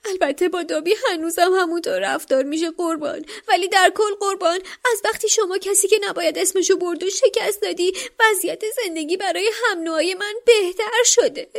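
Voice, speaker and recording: Dobby, a woman doing a shrill weeping house-elf. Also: hardly any pauses. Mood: pleading. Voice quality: squeaky, shrill. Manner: whimpering, stammering, pleading. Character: frantic, tearful little male house-elf servant. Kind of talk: audiobook character voice.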